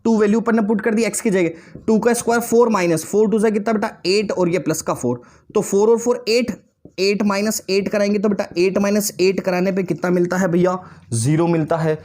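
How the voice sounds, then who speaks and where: A man's voice: sits high, fairly quick, a little mellow. A man in his twenties teaching a maths lesson in an online class. He coaxes his pupils, keeps checking that they understand, and slips in joking asides. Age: 20s. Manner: coaxing, keeps asking students if they understood; calls pupils "beta" and "bhaiya", joking asides.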